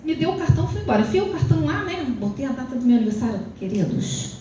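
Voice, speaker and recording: A woman telling her testimony in a church service, animated storytelling that rises into fervent exhortation. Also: high-pitched, fast talker. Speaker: wife giving testimony at couples' service. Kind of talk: testimony and preaching. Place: church hall. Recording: very echoey hall, distant mic, faint hiss.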